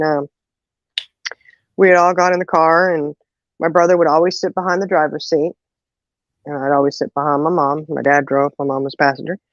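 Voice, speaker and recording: A woman co-host in a casual chat, telling a story in an animated way and acting out the quotes, on a dull lo-fi recording. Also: sits low, no echo. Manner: animated, acts out quotes, laughs often.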